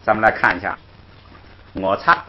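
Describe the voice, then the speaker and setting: A man teaching a grammar class, explaining patiently, repeating himself and chuckling softly between points. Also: on the low side, normal speed. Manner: patient, repetitive, punctuates with "hey" and soft chuckles. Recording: dull lo-fi recording with faint noise.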